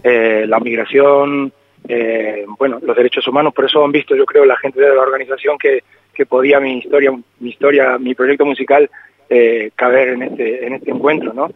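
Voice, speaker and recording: In a flat, medium-pitched voice at a moderate pace, a Spain-born singer-songwriter in his forties gives a thoughtful phone interview, halting frequently. His Spanish accent has a slight Argentine tinge, and the telephone recording is tinny and dry.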